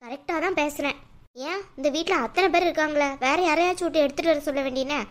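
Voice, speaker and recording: A sharp-tongued young wife in a cartoon family drama, acted by a woman. Her voice sits high and bright, and she argues with indignant bite. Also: fast, natural voice.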